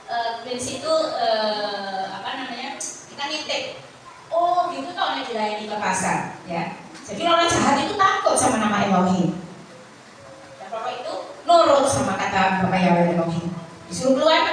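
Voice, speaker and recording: A woman preacher, giving a Sabbath sermon and telling her own story in an animated way, acting out the people she quotes. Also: a little high, moderate pace. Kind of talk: Sabbath sermon with personal testimony. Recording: echoey hall, voice from far off, ambient noise.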